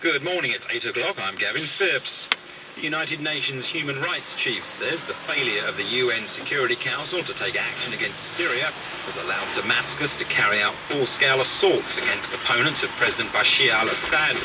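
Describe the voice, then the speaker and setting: A man reads the news in a steady, measured newsreader cadence. His voice comes out of a small speaker some distance from the mic. A heavy wash of noise sits under every word. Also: medium pitch. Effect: radio broadcast heard through a small speaker. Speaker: radio news anchor. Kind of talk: read news bulletin. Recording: distant radio playback with loud noise.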